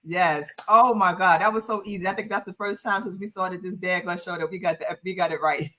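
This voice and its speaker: Bright-voiced New York woman co-host. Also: on the low side, steady tone, fairly quick, slight background noise. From Harlem, New York. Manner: playful, repeats phrases for effect. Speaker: podcast co-host. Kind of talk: casual podcast banter.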